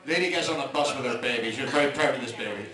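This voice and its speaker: A man's voice: mid-range voice, very fast. Older Englishman telling jokes live. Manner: chatty, dry one-liners, rambling asides. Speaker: stand-up comedian. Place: live comedy venue. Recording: echoey club, mic at a distance, loud crowd. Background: audience laughter.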